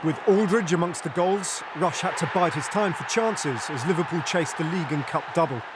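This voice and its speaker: A man narrating a sports documentary in a measured, formal scripted read. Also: a little high, over a noisy crowd, heavy background noise.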